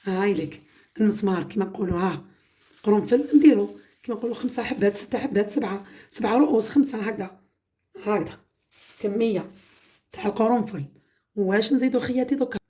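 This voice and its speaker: A woman's voice: mid-range voice, fast, pauses often, mellow. A woman with an Algerian Arabic accent hosting a home cooking channel, chatting through a home-remedy demonstration and often calling her viewers "my sisters".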